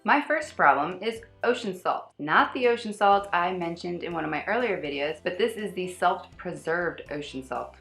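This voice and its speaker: A woman's voice: fairly low pitch, lively intonation, normal speed, gravelly, hardly any pauses, fairly bright tone, roomy sound, faint music behind. A woman chatting casually in a product review vlog, with wry, sarcastic asides.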